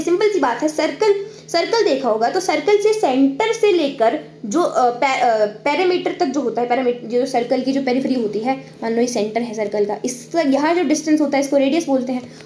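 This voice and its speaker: High-voiced woman teaching biology. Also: darkish tone, roomy sound, slight background noise. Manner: explains step by step, checks in with "ठीक है"; drawing on screen while talking. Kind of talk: online exam-prep lecture.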